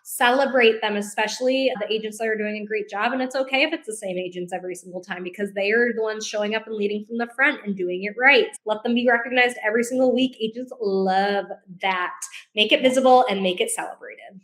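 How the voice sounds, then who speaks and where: A woman's voice: mid-range voice, a little fast, few pauses, a bit bright, echoey room. A woman co-hosting a training podcast, talking conversationally and encouragingly, straight to her listeners. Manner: encouraging, directly addressing listeners. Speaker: co-host of a real estate business training podcast. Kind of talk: conversational instructional talk.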